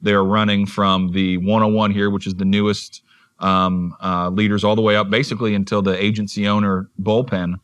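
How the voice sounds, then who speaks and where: A man's voice: fairly low pitch, level tone, brisk, fairly bright tone, clear, resonant tone, no room sound. A man hosting a podcast interview, chatty and encouraging toward his guest. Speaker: podcast host. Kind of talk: conversational interview.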